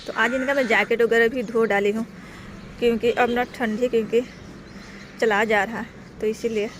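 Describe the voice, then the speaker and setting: Chatty young woman with a high voice. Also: steady tone, normal speed, slight background noise. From India. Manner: chatty, rambling, repeats "kyunki" and "na"; speaks as a voice-over, not to camera. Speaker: vlogger. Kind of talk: casual daily routine vlog.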